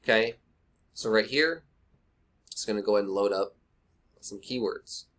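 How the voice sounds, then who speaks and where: A man's voice: lowish voice, normal speed, a bit bright. A man giving a blunt, rambling screen-recorded marketing tutorial, talking straight to the viewer through a cheap webcam mic at his computer desk. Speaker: online marketing instructor.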